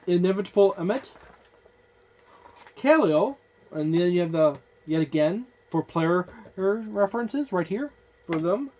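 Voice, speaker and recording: A tabletop game book reviewer gives a casual, unscripted page-by-page overview, speaking in a medium-pitched, darkish voice with lively intonation. His offhand, informal delivery is halting, full of "uh" fillers, self-corrections, and restarts as he lists the entries.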